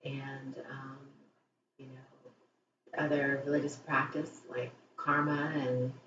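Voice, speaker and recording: A woman's voice: extremely low pitch, little pitch movement, takes it slowly, noisy background. A woman interviewee gives candid, reflective answers that wander a little. Her voice is heard re-recorded through a TV speaker. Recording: echoey, dull, distant TV re-recording.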